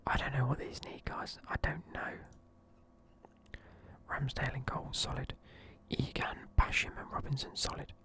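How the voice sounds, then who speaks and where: A young man whispers close to the mic throughout, sleepy and offhand. His voice sits at a middling pitch, and the rough, casual swearing gives it a relaxed, late-night feel. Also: moderate pace. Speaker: video creator. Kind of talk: whispered football team review.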